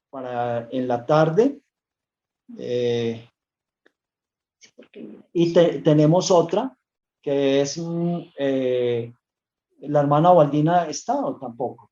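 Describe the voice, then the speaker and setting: A Bible study teacher giving an unscripted lesson to a congregation, talking in a halting way with frequent hesitations and restarts. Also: medium pitch, mellow. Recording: dull lo-fi recording.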